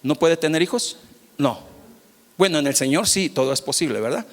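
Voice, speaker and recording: A man, preaching a sermon as pastor, swinging from loud calls to soft, low asides. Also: lively intonation, normal speed, big-room sound.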